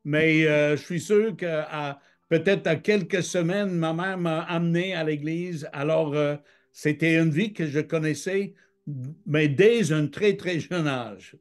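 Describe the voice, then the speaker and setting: Speaking French over a video call, this middle-aged Michigan man recounts his life as a guest in a testimony interview. His slightly high voice moves at a slow pace, and he hesitates often, filling gaps with many fillers.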